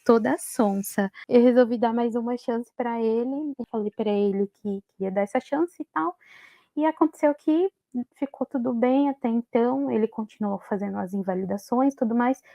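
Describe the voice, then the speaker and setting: A woman with a Brazilian Portuguese accent giving an emotional personal testimony as a guest, halting, with many restarts and tag questions. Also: fairly high pitch, creaky, mellow, no room sound, highs cut off. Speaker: guest telling her story.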